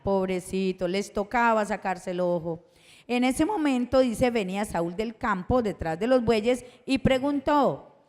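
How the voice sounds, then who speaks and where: A woman's voice: medium pitch, darkish tone. Woman preaching in a reverberant church. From Colombia. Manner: asks the congregation questions and answers them herself. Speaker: schoolteacher. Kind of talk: sermon. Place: church hall. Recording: long church hall reverb.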